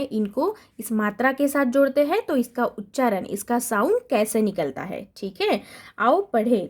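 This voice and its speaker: A young woman with an Indian accent, teaching a slow recorded Hindi lesson to young children with patient drawn-out syllable drills. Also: fairly high pitch. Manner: patient, drawn-out syllable drills, frequent "ठीक है?" check-ins. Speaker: primary school Hindi teacher.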